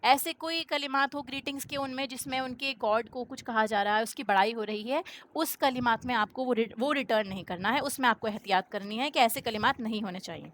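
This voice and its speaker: A woman's voice: fairly high pitch, hardly any pauses, fairly bright tone, slight background noise. A woman teaching a religious lesson, explaining step by step, posing rhetorical questions and checking in with "okay?", with many English words mixed into her speech. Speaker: Islamic teacher.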